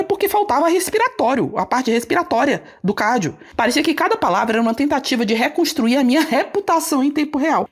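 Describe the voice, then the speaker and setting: A woman tells viewers a personal story in an animated, self-mocking way, with quick asides to her audience. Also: high-pitched. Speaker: vlogger telling a personal story.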